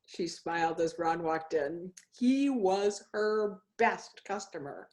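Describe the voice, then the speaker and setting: A woman reading a children's story aloud in a deliberate, expressive way, as a guest minister. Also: fairly low pitch. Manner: slow, deliberate, expressive phrasing. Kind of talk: storybook read-aloud for all ages.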